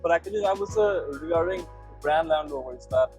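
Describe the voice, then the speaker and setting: A man's voice: fairly high pitch, lively intonation, fast talker. A man with a Bangladeshi accent hosting a casual car interview, agreeably interjecting and echoing, mixing Bengali and English. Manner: agreeable, interjecting, often echoes the guest. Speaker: car show host. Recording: music under the voice.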